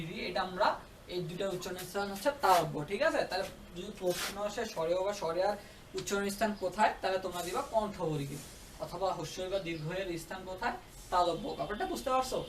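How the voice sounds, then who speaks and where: Speaking at a quick pace in a high-pitched voice, a male tutor explains grammar and keeps asking students if they understand. The mic is distant, giving roomy echo and slight background noise.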